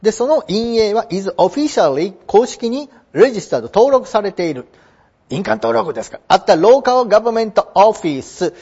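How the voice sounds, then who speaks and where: Lively high-voiced man teaching English. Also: breathy edge. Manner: lively, chatty, slows down to spell out English words. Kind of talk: explanatory lesson. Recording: dull lo-fi recording.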